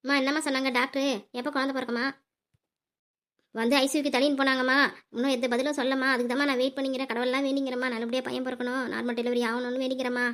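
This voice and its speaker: A woman's voice: high-pitched, flat delivery, very fast, fairly bright tone. A woman voicing a bossy, anxious middle-aged mother-in-law in a family cartoon. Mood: fussing. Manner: bossy and anxious, prays aloud. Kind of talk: cartoon voice acting.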